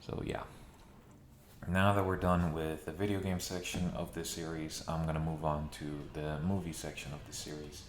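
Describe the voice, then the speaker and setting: At normal speed and in a level tone, a man with a very deep voice shares casual commentary with his viewers, dryly sarcastic now and then. He's a video essayist recording in a largely empty room of a new home, so echo dominates, with a little hiss or hum.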